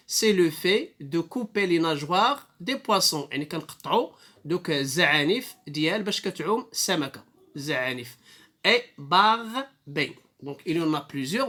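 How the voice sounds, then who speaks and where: Moroccan-accented male teacher, patient and repetitive, reads syllables out slowly. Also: a little high, expressive, sharp tone. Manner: slow, patient explanations with many repetitions; drawn-out sounds when spelling. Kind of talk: online reading lesson.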